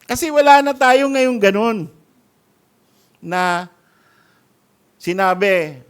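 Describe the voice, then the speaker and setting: Slow high-voiced pastor preaching. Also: male voice, lively intonation, clean tone. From Philippines. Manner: emphatic preaching with wide swings in loudness. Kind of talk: sermon. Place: church sanctuary.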